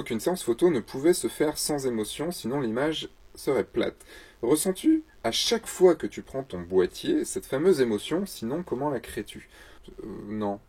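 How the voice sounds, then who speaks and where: A man's voice: mid-range voice, mellow, slightly rough. A man, a photographer and the show's host, answers viewer questions in a casual vlog, joking and mocking himself in a loose, chatty way.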